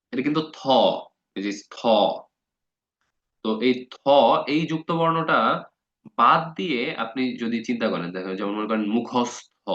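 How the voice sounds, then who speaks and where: A man giving a casual spoken grammar lesson, talking conversationally, often checking that listeners follow and stretching out words slowly to show how they are spelled. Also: medium pitch, a bit bright. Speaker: Bengali grammar teacher. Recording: dull lo-fi recording.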